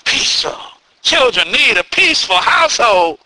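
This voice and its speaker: A male pastor preaches fervently into a pulpit microphone. His voice is very high for a man and strikingly forceful and bright. He repeats and stacks phrases emphatically, with short refrains to the congregation. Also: sing-song, moderate pace, no room sound, poor audio. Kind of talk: fervent church sermon with call-and-response refrains.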